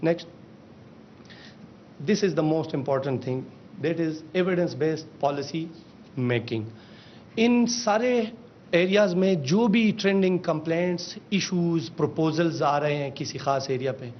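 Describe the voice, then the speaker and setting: A man, a government official giving a formal press briefing on a system, mixing in English phrases and calling out each slide. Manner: mixes in English phrases, calls out slide changes. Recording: dull lo-fi with faint rumble.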